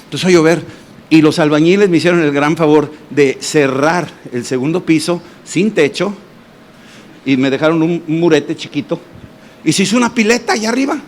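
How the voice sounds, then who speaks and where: A man, a pastor, preaching a sermon and telling personal testimonies in an animated way with acted voices and sound effects. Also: on the high side, normal speed, a little hiss or hum. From Mexico. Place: church congress hall.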